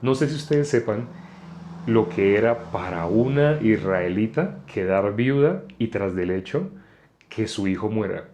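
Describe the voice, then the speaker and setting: A man's voice: on the low side, expressive, unhurried, darkish tone, a little hiss or hum. A man preaching an informal Bible teaching. He talks in a conversational way and keeps asking his listeners questions. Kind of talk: informal sermon on a live stream.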